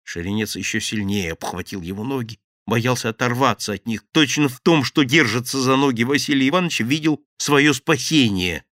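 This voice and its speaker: A man reading a novel aloud as an expressive audiobook narrator. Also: mid-range voice, fairly quick, few pauses, no echo, studio quality. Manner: expressive storytelling. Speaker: audiobook reader. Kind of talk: scripted narration.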